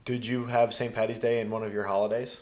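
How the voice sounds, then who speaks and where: A man's voice: fairly low pitch, quick pace. A young man co-hosting a casual podcast chat, joking and telling stories. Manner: joking, storytelling, animated. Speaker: podcast co-host.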